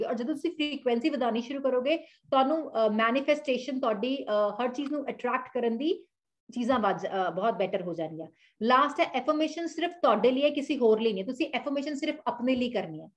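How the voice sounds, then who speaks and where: A woman with a Punjabi accent teaching a self-help lesson in an earnest way, repeating her points and often pausing with "uh". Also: on the high side. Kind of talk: instructional talk mixing Punjabi and English.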